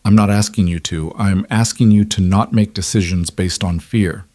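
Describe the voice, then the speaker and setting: A man voicing a calm, firm, successful woman in an audiobook, speaking steadily. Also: low voice, moderate pace, no echo, clean studio sound, close to an everyday voice. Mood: steady. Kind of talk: scripted audiobook narration.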